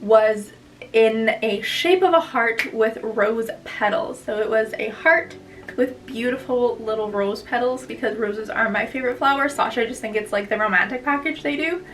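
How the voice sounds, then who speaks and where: A woman's voice: fairly high pitch, moderate pace, fairly bright tone, far from the mic, rough recording. A young woman vlogger chatting casually as she tells a story, bubbly and gushing, rambling on.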